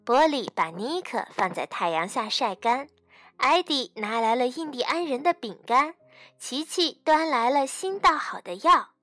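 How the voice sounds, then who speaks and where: A woman teacher gently reading a bedtime story aloud to a child in a soft voice. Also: high-pitched, animated, a little slow, no room sound.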